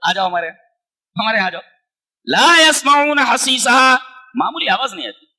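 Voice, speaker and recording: A man giving a commentary lecture as a preacher, asking rhetorical questions and reciting Arabic verses slowly. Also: high-pitched, lively intonation, pushed and bright. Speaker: Quran commentator.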